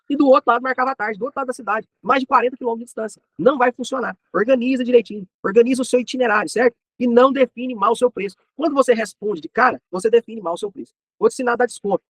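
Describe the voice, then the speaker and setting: A man's voice: very high voice, slightly rough, no echo, rough recording. A man with a Brazilian Portuguese accent, a farrier teaching other horse professionals in a practical business lesson. He speaks directly, repeats key points and adds chatty asides.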